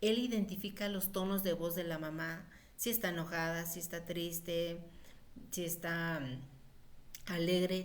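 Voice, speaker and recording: Her voice is fairly low and a little mellow as she delivers a relaxed talk about feeding children. The style is conversational and full of fillers, and she performs imitations of what mothers say.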